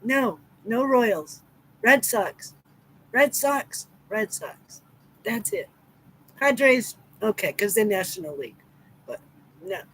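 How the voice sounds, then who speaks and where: Through a rough recording, a middle-aged Massachusetts woman with a Southeastern Massachusetts accent hosts a livestream, chatting affectionately and greeting viewers by name. Her medium-pitched voice is expressive, slightly rough and a bit bright, moving slowly with frequent pauses.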